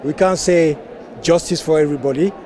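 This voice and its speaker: Earnest high-voiced man from Cameroon. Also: brisk, dark tone. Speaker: party member interviewed. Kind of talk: street interview. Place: outdoors at a conference venue, street traffic.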